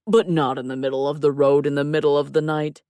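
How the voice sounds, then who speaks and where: A woman's voice: sits low, little pitch movement, warm tone, no room sound, studio quality, close to an everyday voice. Woman voicing a whiny, theatrical young man. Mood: teasing.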